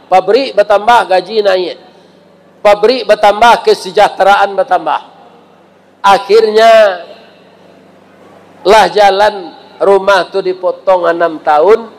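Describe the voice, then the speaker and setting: A man's voice: sits high, rough recording. A man preaching a humorous sermon with a Minangkabau accent, joking and telling stories with asides to the audience.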